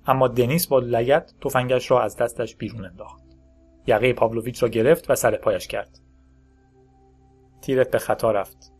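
A man narrating a story in a steady, measured audiobook style. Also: mid-range voice. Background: faint background music.

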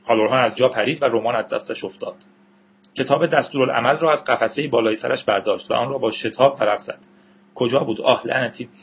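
Male narrator for an audiobook, measured and even, middle pitch; dull, muffled recording. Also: husky.

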